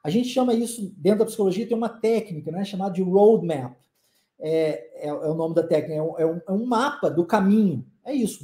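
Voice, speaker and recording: Lively Brazilian woman teaching English. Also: mid-range voice, reverberant. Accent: Brazilian Portuguese. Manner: lively, coaxing, with frequent check-ins to the listener; says English model sentences slowly and deliberately. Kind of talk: live online language lesson.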